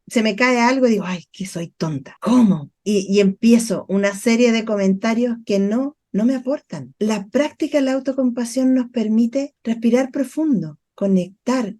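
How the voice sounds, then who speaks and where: A woman guest teaching about mental health, explaining calmly with everyday examples she acts out. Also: fairly high pitch, normal speed, few pauses. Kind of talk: explanatory conversation.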